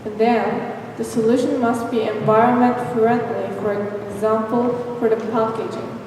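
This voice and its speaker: A woman's voice: fairly high pitch, steady tone, moderate pace. A young woman sets out her team's points in an orderly, one-by-one way. She is heard from a distance in a large, strongly reverberant hall with faint noise around her. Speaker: student presenter. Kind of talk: school team presentation. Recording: echoey hall, voice from far off.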